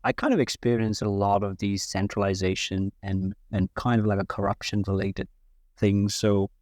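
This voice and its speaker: A man's voice: on the low side, no room sound, studio quality. A man from Sri Lanka who is a podcast guest, answering casually with many ums and restarts. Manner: hesitant, many fillers and restarts.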